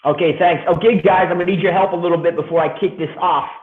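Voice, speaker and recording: An upbeat man talks to a webinar audience in a direct, casual way. His voice sits a bit high and comes through a tinny, echoey call line. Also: fairly even intonation, quick pace. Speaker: guest speaker. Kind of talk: webinar teaching.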